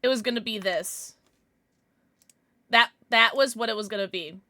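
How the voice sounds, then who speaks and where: A woman livestreamer chatting casually with her viewers in a playful, giggly, excitable manner. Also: on the high side, moderate pace, no room sound. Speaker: live streamer, host.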